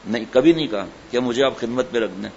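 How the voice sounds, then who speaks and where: Gravelly-voiced man giving a folksy sermon. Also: mid-range voice. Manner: storytelling, folksy, rhetorical questions. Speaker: religious teacher. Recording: slightly dull recording with faint noise.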